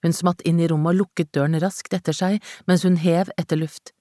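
A woman narrating a novel in a measured, dramatic storytelling manner. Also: lowish voice, fairly even intonation, warm tone, no echo. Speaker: audiobook narrator. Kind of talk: scripted narration. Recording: dry close studio sound.

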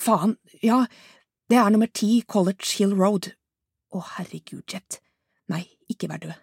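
A woman's voice: on the low side, vocal fry, a little mellow, slightly rough, dry recording, studio quality, heavily acted. A woman narrator voicing a panicked caller reporting an attack in an audiobook. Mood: frantic. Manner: frantic, sobbing pleas. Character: panicked caller at a crime scene.

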